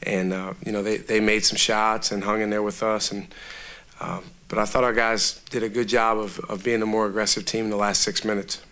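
In a press room with a sponsor backdrop behind him, a thirty-something college basketball coach fields post-game questions at a table mic. His voice runs on the low side, and he speaks evenly and deliberately, with plenty of fillers.

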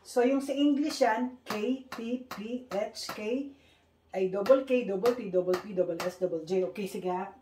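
Woman, native Tagalog speaker, language teacher, repeats sounds slowly, roomy echo, faint background hiss. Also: mid-range voice, warm tone. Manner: mixes Tagalog with English. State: speaking carefully due to a tooth problem. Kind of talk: online language lesson. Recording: echoey room, faint hiss.

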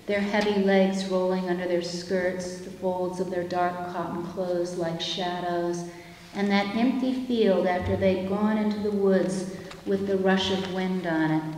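A woman in her fifties gives a keynote lecture, reading measured and reflective prose from pages at a lectern microphone in a chapel-like hall. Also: medium pitch, slight background noise. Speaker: keynote speaker. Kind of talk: reading a prepared lecture aloud. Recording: echoey room with long hall reverb.

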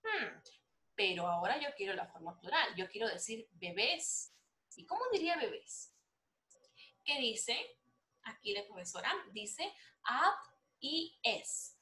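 A young adult woman teaching English to young children, explaining slowly and patiently, repeating herself and checking they follow, lively and encouraging. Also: fairly high pitch. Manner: slow, patient explaining with lots of repetition and check-ins. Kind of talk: online lesson for young children. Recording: roomy echo.

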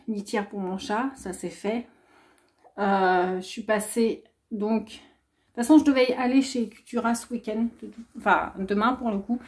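A woman's voice: on the high side, dark tone. A young woman chatting casually through a book haul vlog, rambling with plenty of hesitations. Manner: chatty, rambling, many filler "euh"s. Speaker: booktuber.

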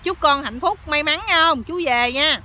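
A nosy older village uncle, put on by a woman telling a story, who scolds and exclaims in a Southern Vietnamese accent. The voice is high and bright, with a forceful edge. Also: normal speed, a little hiss or hum. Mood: scolding.

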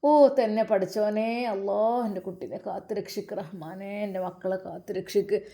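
A woman's voice: a little high, moderate pace, a little mellow, natural voice. Woman doing pious old mom, malappuram accent, fond and blessing everyone, storytelling voice. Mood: doting. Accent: Malappuram Malayalam. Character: devout elderly mother, tender and pious.

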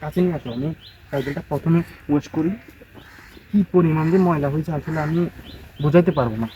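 Tired from scrubbing his bicycle, a fast-talking man with a fairly high pitch vlogs casually from a backyard by a pond. He addresses his viewers in a chatty, meandering way while keeping his voice low for the neighbours' sake. A little hiss or hum runs through the rough recording.

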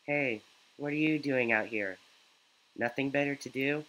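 A stern female town cop scolds someone she caught out after dark, read by a man in near his own voice. The delivery is slow and bright-toned. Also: mid-range voice, lo-fi sound, pitched above the performer's own voice, natural voice. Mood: scolding.

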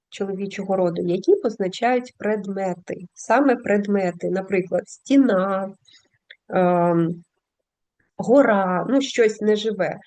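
A woman's voice: mid-range voice, dark tone. A woman teaching a language lesson, patiently explaining step by step and reading out word lists.

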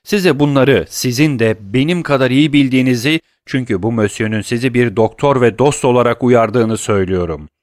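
A man's voice: medium pitch, normal speed, dry recording, studio quality, lightly acted. Man doing Morel, an impassioned young lover. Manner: impassioned, declaiming accusations. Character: young man, grief-stricken and vengeful lover.

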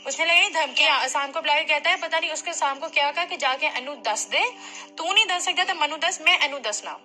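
On a recorded phone call, a young woman plays an indignant client in a heated argument, insisting and repeating herself. Her high, bright voice is pushed and a little fast, with soft music in the background.

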